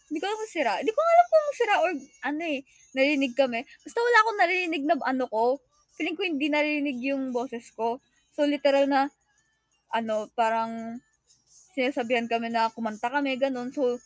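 A woman's voice: sits high, no room sound. A young woman chatting casually with fans on a livestream, giggly and emotional, mixing English into her talk. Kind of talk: casual livestream chat reading fan comments.

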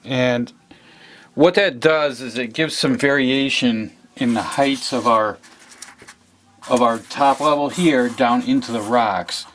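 A man's voice: medium pitch, slow pace, fairly bright tone. A man casually narrating a step-by-step model railroad how-to while he works at his layout, repeating himself as he explains. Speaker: model railroad hobbyist demonstrating. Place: hobby room at a model train layout.

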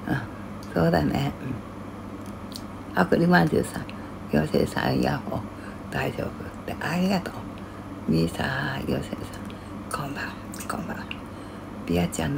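An older woman chatting casually on a livestream. She reads viewer comments in half-whispers and grumbles loudly in between. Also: very deep voice, gravelly.

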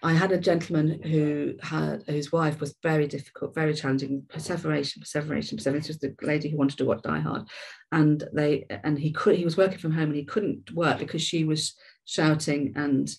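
A woman's voice: sits low, steady tone, fairly quick, darkish tone, slightly rough. A woman hosting a care webinar, talking in a conversational way with frequent restarts and repeated words. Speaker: webinar host and care trainer. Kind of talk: informal webinar talk.

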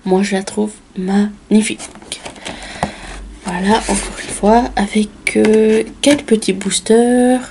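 A woman with a slightly hoarse voice, casually narrating as she opens a box of trading cards, with frequent filler words and small laughs. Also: medium pitch, warm tone, a little hiss or hum. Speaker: card unboxing vlogger. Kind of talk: casual unboxing commentary.

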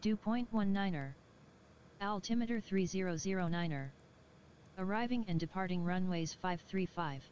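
A synthetic voice reading an automated airport weather broadcast in a flat, clipped, steady way. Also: mid-range voice, normal speed, dull audio, a little hiss or hum. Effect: automated airport weather broadcast over radio. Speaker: recorded airport information service. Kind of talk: steady scripted readout of weather and runway data.

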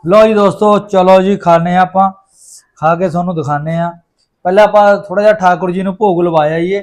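High-pitched exclamatory Punjabi man, food vlogging. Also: fairly even intonation, a little fast. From Punjab, India. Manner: exclamatory, repeats catchphrases to viewers. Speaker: vlog host. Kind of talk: casual home food vlog chat.

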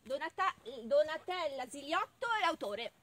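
A woman with a very high, bright voice reads nursery rhymes and stories to children outdoors at a farm. Her manner is cheerful and chatty. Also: animated, moderate pace, a little hiss or hum. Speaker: co-reader for children.

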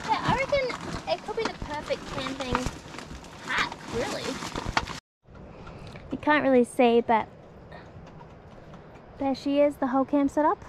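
A woman's voice: sits high, lively intonation, measured pace, long pauses, poor audio. A young Australian woman vlogging a camping trip, chatty and upbeat with casual slang, recorded outdoors on a camera. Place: outdoor beach campsite. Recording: outdoor camera with clear background noise.

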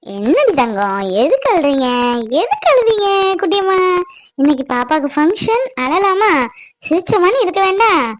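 A woman's voice: very high voice, big pitch swings, moderate pace, no room sound. A woman voicing a young mother in a cartoon, soothing a crying baby and complaining to her husband. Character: young mother, then a sulking wife. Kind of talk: cartoon voice acting.

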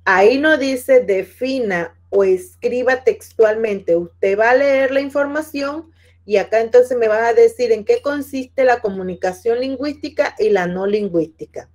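A woman's voice: on the high side, a little slow, a little mellow. A woman teacher giving patient class instructions, repeating each point and speaking to her students by name. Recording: dull lo-fi audio.

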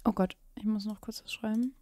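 A woman streamer reacting to clips live, chatty and excitable, dropping in English exclamations. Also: mid-range voice, brisk.

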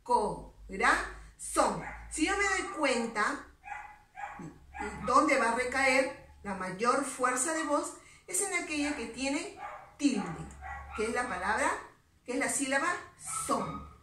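Woman teacher, high voice, unhurried, patient delivery for a children's class, recorded from afar in a noisy space. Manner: slow, patient, drawing out stressed syllables. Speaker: primary school teacher. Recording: roomy distant recording with steady background noise.

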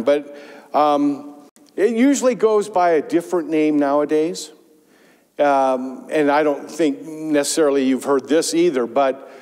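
An older man, a pastor, giving a conversational, animated sermon with rhetorical asides, on a lapel mic in a large church. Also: a little high. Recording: church sanctuary reverb.

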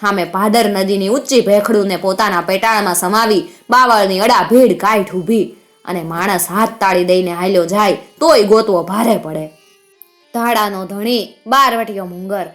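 A woman's voice: medium pitch, fairly bright tone. A woman storyteller, narrating a dramatic folk tale in a vivid, rhythmic way. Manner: vivid, rhythmic telling with recited couplets.

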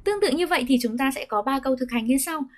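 A woman with a Vietnamese accent teaching English pronunciation, explaining patiently and slowing down to model example sentences. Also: sits high, lively intonation.

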